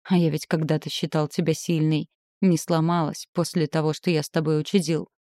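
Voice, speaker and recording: A cold, sneering man who threatens in a calm voice, as a woman reading the story gives him a low, dark tone. His menace stays quiet and controlled, and the recording is dry and close, with no room sound. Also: fairly quick, dry recording.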